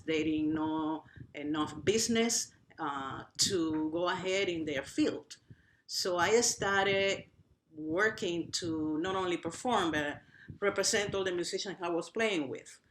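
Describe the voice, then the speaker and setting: A woman's voice: on the low side, slow pace, a little hiss or hum. A woman from Cuba with a Cuban accent, whose first language is Spanish, speaking animatedly on a virtual panel as a nonprofit director. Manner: animated, restarts phrases, uneven pace. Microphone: video call.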